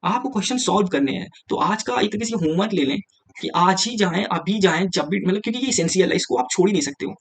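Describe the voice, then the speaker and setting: A man's voice: high-pitched, animated, fast talker. A young man teaching exam preparation in a casual, direct lecture, switching between Hindi and English and often saying "yaar" to his viewers.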